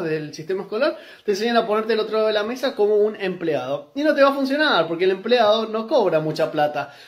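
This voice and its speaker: A man with a Rioplatense accent talks quickly and insistently to a close-held phone, driving each point home bluntly. His voice sits high for a man, and the sound is close and plain, as recorded in a small room at home. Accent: Rioplatense Spanish. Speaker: business content creator. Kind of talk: direct-to-camera advice monologue. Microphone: phone camera held close.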